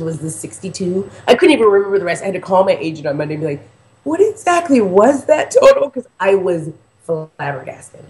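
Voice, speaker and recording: A woman in her forties tells her story in an excited, emphatic rush. Her voice sits a little low but jumps up high for the quoted moments. She talks casually and leans on "like" all the time. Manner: animated, emphatic, heavy use of "like". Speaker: guest telling her story.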